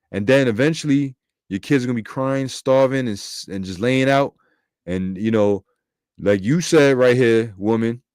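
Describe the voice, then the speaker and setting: A man's voice: medium pitch, a little mellow, dry recording, studio quality. A man giving casual scripture commentary in slangy, profane street talk, thinking aloud and correcting himself as he goes. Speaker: bible commentator.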